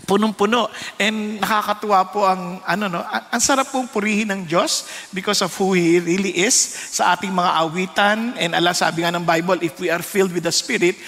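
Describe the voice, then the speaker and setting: A Filipino man delivers a sermon as pastor in a very high, bright voice. He is animated and jumps between Tagalog and English, putting on the voices of people in his stories. A long reverb trails his words through a large worship hall. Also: a little fast, hardly any pauses.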